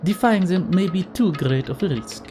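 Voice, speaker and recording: Calculating young woman for a mystery game acted by a woman, French accent, measured delivery, music low behind. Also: expressive, mellow, close to an everyday voice. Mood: cool, grave.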